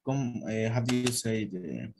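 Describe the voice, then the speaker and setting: A man's voice: fairly low pitch, expressive, measured pace, a little mellow, a little hiss or hum. A man whose first language is Spanish, answering hesitantly in an English class, searching for words. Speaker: student. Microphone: video call.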